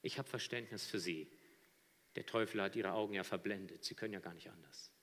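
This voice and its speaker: Male preacher, bright forceful voice, dramatic swings from whisper to shout, long hall reverb. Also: low voice, brisk. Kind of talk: sermon.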